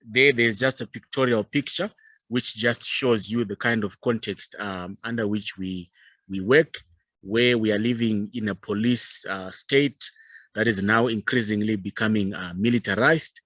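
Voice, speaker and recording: In a formal talk, a youth organization leader with a Zimbabwean accent speaks slowly and carefully, leaving pauses. He has a lowish, fairly bright voice, and the recording is dry.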